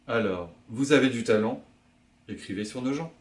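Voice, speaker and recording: A male librarian reading a poem aloud in a quiet, hushed, measured way. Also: medium pitch. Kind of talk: poetry reading.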